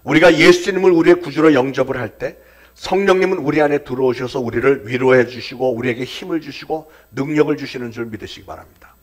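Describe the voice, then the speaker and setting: A man preaching a sermon as pastor, building to emphatic peaks and dropping to quiet, near-whispered endings. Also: a little high.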